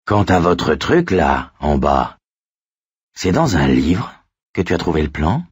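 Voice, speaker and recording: Man doing a gruff, kindly old cop. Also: low voice, sing-song, takes it slowly, no echo, clean studio sound, exaggerated voice. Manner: gruff, fatherly.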